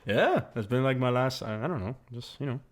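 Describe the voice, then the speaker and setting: A man's voice: medium pitch, expressive, fairly quick. A man hosting a casual home podcast, joking and teasing in a crude, offhand way. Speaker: podcast host. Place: home in Miami.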